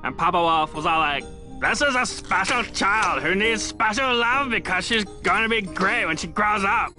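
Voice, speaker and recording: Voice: medium pitch, expressive, normal speed, over music, close to an everyday voice. A voice actor playing a bratty, gossipy valley-girl cartoon princess with a whiny drawl.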